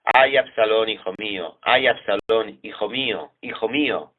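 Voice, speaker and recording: A man reading aloud as an aged king in grief, lamenting in a low voice. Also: moderate pace, lightly acted. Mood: grieving. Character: grieving aged king, commanding then broken. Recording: tinny phone-like sound.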